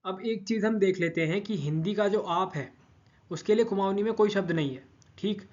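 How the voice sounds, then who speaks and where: A man's voice: high-pitched, moderate pace, darkish tone, highs cut off. A man giving a patient grammar lesson, repeating each word form and checking in with listeners often. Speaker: language teacher.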